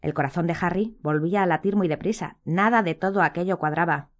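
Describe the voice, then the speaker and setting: A woman reads a fantasy audiobook in scripted narration, her voice sitting a little low. She keeps an even, steady storytelling pace. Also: brisk.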